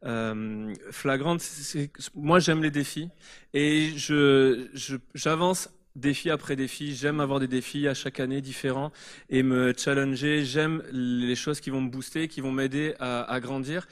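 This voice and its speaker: A man's voice: medium pitch, steady tone, unhurried. A man being interviewed as a guest author at a church service, explaining his ideas in an earnest, reflective way. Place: church service before a congregation.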